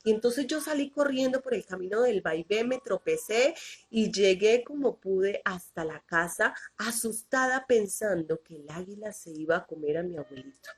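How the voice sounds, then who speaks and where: A woman telling a children's story in an expressive, animated way, stretching out repeated words. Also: mid-range voice, breathy edge. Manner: expressive, animated, drawn-out repetitions.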